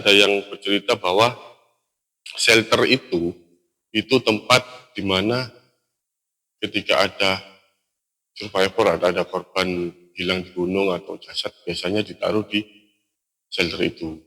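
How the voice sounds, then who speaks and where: A young man telling a story from a mountain hike in a relaxed, halting way, pausing and restarting often. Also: low voice. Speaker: storyteller recounting a hiking trip. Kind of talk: casual spoken storytelling.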